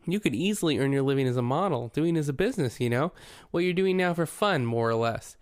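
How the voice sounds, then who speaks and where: A man's voice: a little high, lively intonation, fast talker, clean tone, dry recording, studio quality, natural voice. A man reading the part of a friendly, cultivated young male artist in an audiobook. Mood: amiable. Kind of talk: audiobook character voice.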